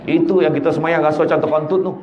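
A man with a northern Malaysian accent giving a lively religious talk, acting out stories and joking with his listeners. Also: quick pace. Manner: swings pitch widely, acts out characters, jokes. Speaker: preacher. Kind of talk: animated religious talk with storytelling. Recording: echoey room, slightly dull sound, faint noise.

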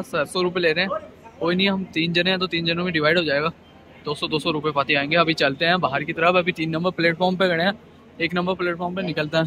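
Holding his phone at arm's length, a young man vlogs a train journey in a casual, upbeat way, chatting to his viewers as "guys." He is a young adult with a fairly high-pitched voice. Noise from the packed train carriage and station platforms fills the recording.

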